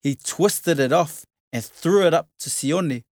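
A narrator reading a children's storybook aloud in a slow, expressive way. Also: mid-range voice, dry recording, clean studio sound.

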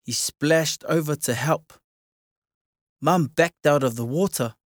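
A narrator reading a children's storybook aloud in a slow, expressive way. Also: mid-range voice, dry recording, clean studio sound.

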